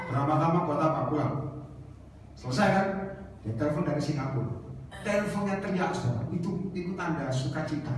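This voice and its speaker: A man preaching a sermon, telling stories lively and acting out the voices of the people in them. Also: a little high, noisy background. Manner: lively storytelling, acting out voices, joking with the congregation. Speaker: evangelist preacher. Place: church hall. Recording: roomy hall echo, heard from a distance.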